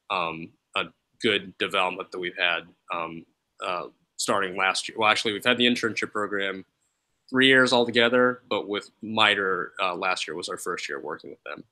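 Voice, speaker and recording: A man's voice: low voice, bright, forceful tone, low-quality recording. A man, a teacher who runs a student help desk, talking casually and loosely with many fillers. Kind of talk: casual discussion.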